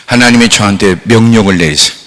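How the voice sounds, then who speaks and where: A middle-aged man preaching a sermon as a pastor, swinging between loud outcries and hushed asides. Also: lowish voice, fast. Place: church sanctuary. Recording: long church hall reverb.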